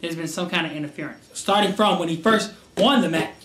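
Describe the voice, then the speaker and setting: A man co-hosting a casual wrestling podcast, rambling through his picks with many pauses and restarts. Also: fairly high pitch, a bit bright. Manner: rambling, lots of fillers and restarts. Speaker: wrestling show co-host. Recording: roomy echo with faint noise.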